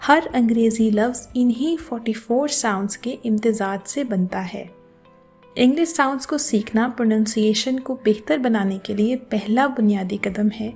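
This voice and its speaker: Woman, pronunciation teacher, scripted lesson, clear careful demonstrations, higher voice. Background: soft background music.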